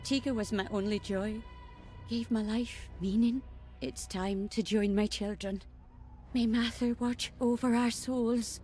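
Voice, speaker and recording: A woman playing a grieving, resigned old tribeswoman in a video game, with an elderly, breathy, halting delivery. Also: on the high side, steady tone, dark tone, faint music behind, lightly acted. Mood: grieving resignation.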